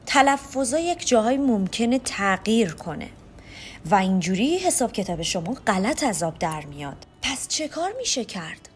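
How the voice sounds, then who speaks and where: Lively Persian-speaking woman teaching French. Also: medium pitch. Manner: explains step by step, addresses listeners as friends. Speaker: podcast host teaching French. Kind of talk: podcast lesson on pronunciation.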